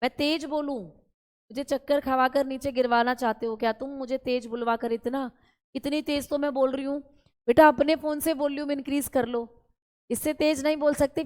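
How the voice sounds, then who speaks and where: A woman teaching an online class, repeating key terms and talking directly to her students. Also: high-pitched. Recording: long hall reverb.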